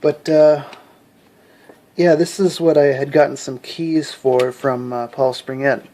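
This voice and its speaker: A man's voice: mid-range voice, steady tone, slow pace, dark tone. A man, a hobby lock picker, casually showing his collection to camera at home, rambling with lots of fillers and restarts. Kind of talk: casual show-and-tell.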